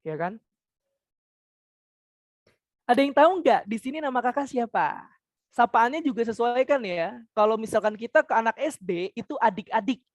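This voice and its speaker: A young woman giving a public speaking webinar, animated and quizzing her listeners directly, at times singing scales to show intonation. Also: on the high side, moderate pace, pauses often, no room sound, clean studio sound. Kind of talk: webinar talk.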